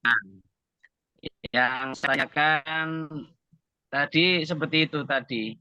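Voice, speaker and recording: A man asking a question on an online call, his slow, halting words cut up by a choppy, breaking-up connection. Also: on the high side, steady tone, pushed and bright, dry recording, lo-fi sound.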